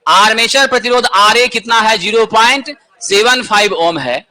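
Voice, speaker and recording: Guy teaching exam prep, high bright voice, keeps asking then answering. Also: normal speed. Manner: asks questions then answers them himself.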